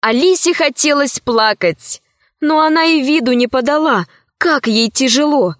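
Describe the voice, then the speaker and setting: A woman reading a children's story aloud in a measured, expressive way. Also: high-pitched, no echo, studio quality. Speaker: narrator. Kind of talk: audiobook reading.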